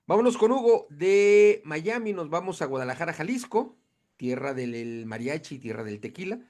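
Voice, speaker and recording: A man moderating an online panel, introducing each speaker warmly and courteously over a video call. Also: a little high, expressive, moderate pace.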